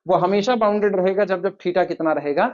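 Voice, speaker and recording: A man teaching a math lecture, dictating steps slowly and quizzing his students as he goes. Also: high voice, dull audio. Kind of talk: classroom lecture.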